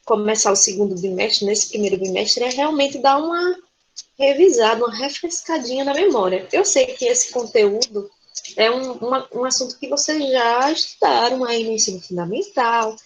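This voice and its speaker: A woman's voice: fairly high pitch, normal speed, poor audio. A woman teacher with a Brazilian Portuguese accent giving a remote class, explaining patiently and tagging her sentences with "né?". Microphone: video call.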